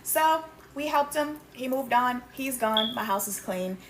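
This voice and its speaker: A woman's voice: a little high, lively intonation, unhurried, background noise. A woman finishing a personal ghost story and talking directly to viewers. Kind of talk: casual personal story wrap-up.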